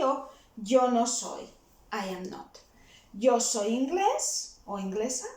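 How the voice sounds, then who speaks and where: Patient woman tutor, slow. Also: a little high. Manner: patient, explains step by step. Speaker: Spanish tutor. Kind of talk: recorded language lesson. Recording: roomy echo.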